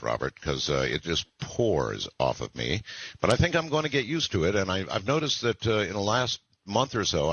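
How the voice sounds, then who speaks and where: Deep husky radio host, lively pitch. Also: male voice, no room sound. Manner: relaxed, rambling, many "uh" pauses. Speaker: radio talk show host. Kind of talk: late-night call-in radio talk. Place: broadcasting from the Philippines. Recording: dull lo-fi radio broadcast sound.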